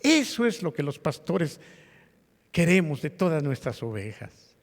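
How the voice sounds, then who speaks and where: A man's voice: a little high, big pitch swings, a little slow. A man, a pastor preaching a conversational sermon to his congregation and asking them questions. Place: church meeting hall. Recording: long hall reverb.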